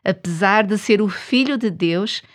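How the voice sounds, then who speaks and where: A woman's voice: medium pitch, measured pace. A woman with a European Portuguese accent hosts a scripted Bible storytelling programme for children, speaking expressively to young listeners.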